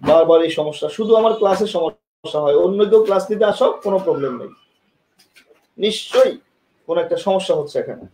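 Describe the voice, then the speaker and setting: There's slight background noise as a high-voiced man with a darkish tone and quick pace teaches an online exam-prep class. Captured by a camera mic in a classroom with a board, he repeats himself often, asks students questions, and demonstrates with his tongue and lips.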